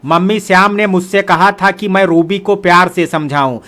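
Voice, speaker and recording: A stern young brother, as a man reads him aloud, scolding his sister in an earnest voice. The voice sits high for a man. It is a storybook character in a Hindi audio tale. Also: fairly even intonation, normal speed, sharp tone. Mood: angry. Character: young adult brother, stern but patient.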